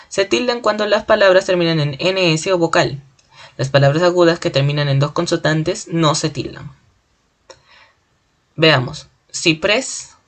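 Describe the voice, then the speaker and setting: A Peruvian teacher with a mid-range voice gives a spoken grammar lesson, speaking clearly and deliberately and slowly drawing out example words one syllable at a time.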